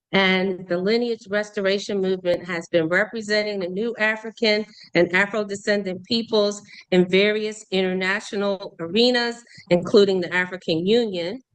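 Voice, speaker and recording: A woman's voice: mid-range voice, a bit bright, smooth, poor audio. A woman moderating a livestream, introducing speakers in an unscripted, conversational way over a video call. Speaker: host and moderator.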